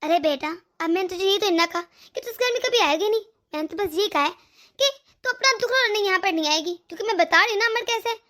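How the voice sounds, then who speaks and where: A woman's voice: very high voice, animated, fast talker, sharp tone, full character voice. A woman voicing a stern, protective older mother in a cartoon, lecturing her daughter. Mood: scolding. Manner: scolding, lecturing. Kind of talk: cartoon voice acting.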